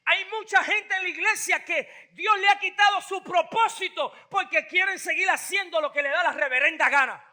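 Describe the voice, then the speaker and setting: A male pastor preaching a fiery sermon, shouting and calling on the congregation to respond. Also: very high-pitched, normal speed, hardly any pauses. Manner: shouting, call-and-response, mixes in English phrases.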